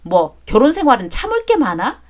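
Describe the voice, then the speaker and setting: High, animated woman in a radio drama. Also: fairly quick. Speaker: narrator and voice actor.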